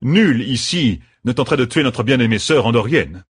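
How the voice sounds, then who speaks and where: A man reading an audiobook voices a male noble who speaks in a low, threatening courtly tone. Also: expressive, moderate pace, breathy edge, no room sound, studio quality. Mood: stern formal. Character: stern male noble, menacing and formal. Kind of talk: audiobook narration.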